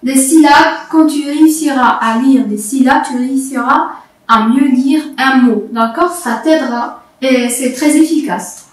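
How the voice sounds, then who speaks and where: A woman's voice: sits high, measured pace, recorded from a distance. A woman teaching young pupils to read, patiently repeating and spelling out letters and syllables. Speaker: primary school French teacher. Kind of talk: slow classroom video lesson. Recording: echoey room, voice off-mic.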